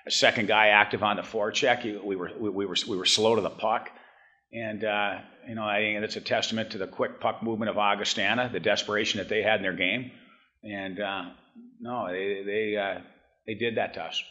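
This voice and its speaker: Brief: man in his 50s, hockey head coach, postgame press room, halting and blunt, bright timbre. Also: on the low side, steady tone, lo-fi sound. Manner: halting, restarts often, blunt and frank. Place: press room in front of a team backdrop.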